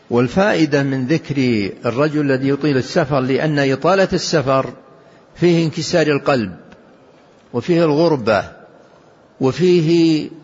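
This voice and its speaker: Older man, religious teacher, slow deliberate explanation, husky voice, dull lo-fi sound. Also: medium pitch. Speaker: Islamic scholar teaching hadith. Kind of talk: religious lesson, hadith commentary. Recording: dull lo-fi recording.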